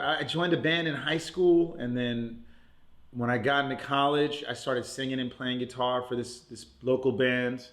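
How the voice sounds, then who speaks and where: A man from Puerto Rico, raised in New York, chatting loosely as a podcast guest, laughing often and leaning on "like" and "you know.". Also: medium pitch. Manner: laid-back, laughs often, many "like" and "you know" fillers. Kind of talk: casual interview chat. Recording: roomy echo.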